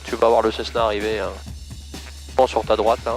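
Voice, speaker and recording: A man coaching a student pilot in a small plane's cockpit over a headset intercom, calm, encouraging and casual. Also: on the low side, a little fast, soft background music, low-quality recording. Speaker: flight instructor. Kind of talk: in-flight coaching.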